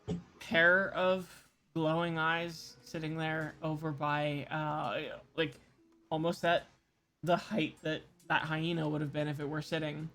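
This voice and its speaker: Game master, informal tabletop narration, medium-pitched voice, music underneath. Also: fairly bright tone. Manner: informal, conversational scene description.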